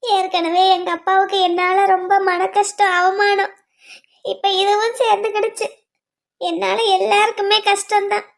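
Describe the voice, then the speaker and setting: A woman's voice: very high-pitched, level tone, measured pace, gravelly, exaggerated voice. A woman voicing a heartbroken young woman student in a cartoon love story, tearful and blaming herself. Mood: hurt, tearful. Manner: tearful, self-blaming pleading. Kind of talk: cartoon voice acting.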